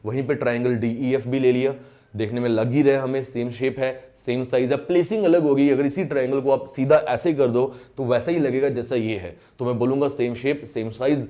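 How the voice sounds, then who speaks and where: Speaking in a mellow mid-range voice, a man teaches maths online one step at a time, coming back to key terms again and again. English phrases slip into his speech and get stretched out under stress, and he regularly makes sure students are keeping up.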